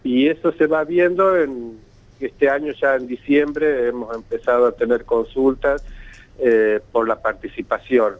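A man's voice: mid-range voice, fairly even intonation, measured pace. A man from Santiago del Estero, Argentina, with a local accent, speaking as an event organizer in a radio interview over a bad phone connection, hesitant and repeating words often. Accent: Santiago del Estero Argentine Spanish. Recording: tinny, choppy phone line.

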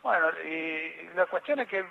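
A man's voice: fairly high pitch, lively intonation, a little slow, vocal fry, phone-quality sound. An older man with an Argentine accent, a former footballer telling rambling anecdotes in an interview, often restarting and quoting others. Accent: Argentine Spanish. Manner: rambling, with many restarts and acted quotes. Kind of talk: anecdotal storytelling.

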